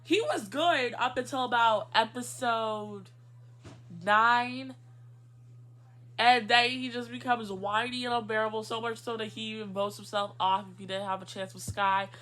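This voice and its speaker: A woman co-hosting a casual chat, recapping a cartoon with animated, drawn-out emphasis and frequent laughter. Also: a little high. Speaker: co-host.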